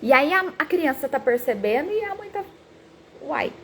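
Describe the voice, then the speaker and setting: A woman psychologist in her thirties giving a talk on parenting, animated and acting out quoted parents and children. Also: sits high, moderate pace, slight background noise.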